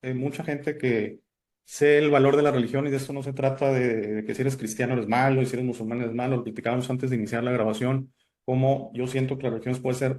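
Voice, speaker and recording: A man's voice: medium pitch, darkish tone. A man from Italy, raised elsewhere, hosting an interview in a chatty way with many fillers and restarts. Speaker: host. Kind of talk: casual interview chat.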